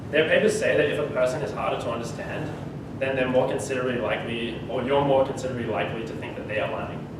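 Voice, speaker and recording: A teenage boy with an Australian accent gives a humorous, conversational speech to his school class, laughing mid-sentence. His medium-pitched voice is fast, and the recording is echoey with background noise, as he stands far from the mic.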